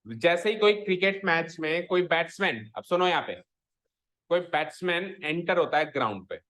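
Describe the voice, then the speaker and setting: Male maths teacher, slightly high voice, classroom lecture, code-switching English words, coaching pronunciation. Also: expressive, moderate pace, fairly bright tone. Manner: drills students on pronunciation, mixes Hindi with English.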